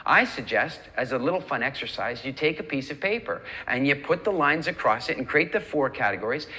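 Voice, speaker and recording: A man's voice: mid-range voice, lively intonation, fairly quick, sharp tone. A man teaching a recorded nutrition coaching lesson in a conversational way, acting out the lines people say. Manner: conversational, acts out quoted lines.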